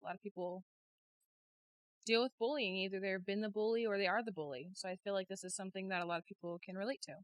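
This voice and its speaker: Fast-talking female co-host, mid-pitch, casual, dry close mic. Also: dry recording. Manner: quick, brief interjections and agreement. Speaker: podcast co-host. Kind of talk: casual podcast chat.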